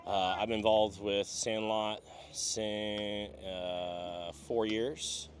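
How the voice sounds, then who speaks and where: A man's voice: fairly low pitch, flat delivery, drawn-out words, crowd noise. A man speaking earnestly and plainly about his friends in an interview. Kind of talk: casual interview.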